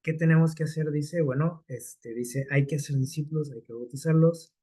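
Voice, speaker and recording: A man's voice: a little high, fairly even intonation, normal speed, mellow. A man preaching a sermon in a conversational way, often checking in with his listeners through rhetorical questions.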